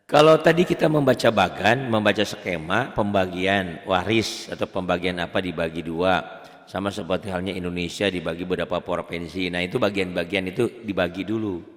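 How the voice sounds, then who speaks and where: A man teaching Quran recitation in a casual, patient way, stretching the example words into slow chanted recitation. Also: sits low, steady tone, fairly bright tone, in a large hall. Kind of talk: casual spoken tajwid lesson.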